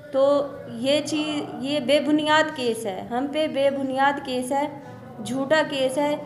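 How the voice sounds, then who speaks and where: A woman's voice: high-pitched, steady tone, slow, soft background music. A middle-aged woman from Pakistan, a mother speaking at a press conference, insistent and indignant as she repeats her points. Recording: echoey room with faint noise.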